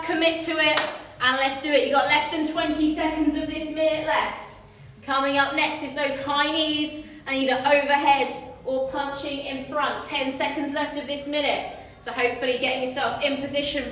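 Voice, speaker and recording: Echoey, high-pitched woman coaching a workout. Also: fairly bright tone, a little hiss or hum. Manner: urging, instructive, calling out counts and cues. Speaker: fitness instructor. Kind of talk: live-streamed HIIT workout coaching. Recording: echoey room, distant microphone.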